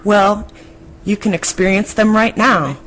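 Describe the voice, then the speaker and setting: A woman reading a translation voice-over of a spiritual talk, explaining in a measured way. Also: medium pitch.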